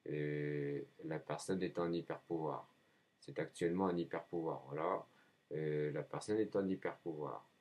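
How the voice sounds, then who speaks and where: A man in a rambling spoken monologue, halting often and repeating himself as if answering his own questions. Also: rumbling low, muffled recording. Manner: halting, frequent hesitations.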